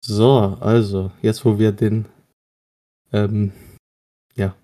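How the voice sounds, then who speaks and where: Mellow-voiced teenage boy joking around. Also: fairly low pitch, level tone, extremely slow. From Russia. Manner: teasing, joking, slangy. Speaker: podcast co-host. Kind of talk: casual chat among friends.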